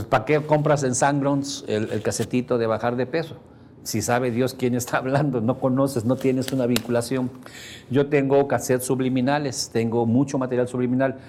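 A man's voice: medium pitch, a little mellow, a little hiss or hum. Conversational Mexican man teaching a workshop. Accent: Mexican Spanish. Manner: conversational, explains with everyday examples and checks in with the audience. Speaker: seminar instructor. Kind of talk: workshop lecture to a live group. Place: seminar room with a live audience.

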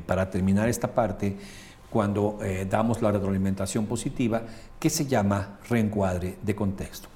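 A man's voice: lowish voice, a little mellow. A man with a Mexican accent, teaching a coaching lesson with frequent hesitant filler sounds. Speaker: coaching instructor.

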